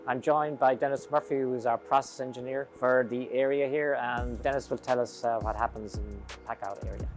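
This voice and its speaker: A man's voice: mid-range voice, steady tone, a little fast, hardly any pauses. A man hosting interviews in a prepared presenting style. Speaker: host. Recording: background music under voice.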